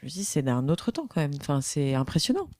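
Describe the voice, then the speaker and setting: A woman's voice: deep voice, sing-song, a little fast, dark tone, no echo, clean studio sound. A woman hosting an interview podcast, talking effusively with many restarts. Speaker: podcast host. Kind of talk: interview conversation.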